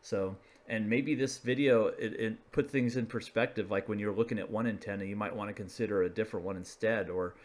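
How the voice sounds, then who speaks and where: This radio hobbyist and video presenter talks over slides in a hobbyist explainer, his voice on the low side with fairly even intonation. He speaks briskly with few pauses, in a loose, conversational, unscripted way, working out his phrasing on the fly.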